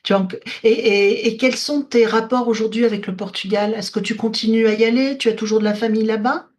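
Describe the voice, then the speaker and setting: A woman's voice: fairly high pitch, steady tone, a little fast, darkish tone. A woman hosting an arts podcast and interviewing a guest, speaking in a welcoming, direct way to the listener. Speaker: podcast host and cultural mediator. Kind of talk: scripted podcast intro and interview. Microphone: video call.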